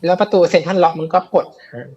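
A man's voice: sits high, fairly even intonation, fast talker, darkish tone, muffled recording. A man telling a ghost story in a casual, chatty way, with many fillers and repeats, on a live show. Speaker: guest storyteller of ghost stories.

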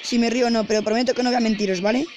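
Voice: mid-range voice, fairly even intonation, rapid-fire, dull audio, background noise. A young adult with an accent from Spain, casually commenting on funny clips while trying not to laugh. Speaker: video creator reacting to funny clips. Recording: loud music behind the voice. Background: music and sound from played clips.

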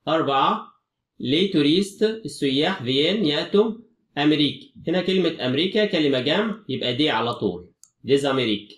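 A man's voice: a little high, expressive, brisk, reverberant, distant mic. A man with an Egyptian Arabic accent teaching a French exam review, explaining each answer step by step.

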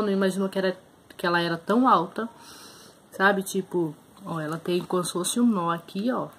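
A young woman with a Brazilian Portuguese accent films a casual haul video in a small room, chattily presenting thrift finds up close with frequent fillers. The Brazilian vlogger has a mid-range, fairly bright voice, and slight background noise can be heard.

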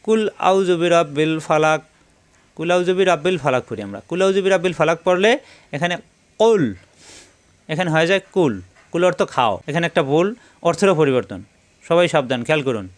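A man teaching recitation step by step, spelling out letters slowly and then chanting the verses in long, drawn-out tones. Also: a little high, animated.

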